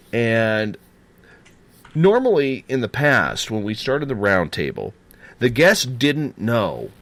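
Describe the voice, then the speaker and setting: A man's voice: mid-range voice, fairly bright tone, dry recording. A man hosting a paranormal talk show, chatty and rambling, just over a throat and chest cold. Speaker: host.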